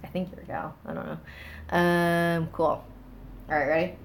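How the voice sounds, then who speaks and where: Flat in delivery and lowish in pitch, a woman speaks at normal speed over slight background noise during a casual livestream. Using a phone on a small stand, she reads scary stories and chats with viewers, thanking them, laughing and trailing off, her nose slightly stuffy.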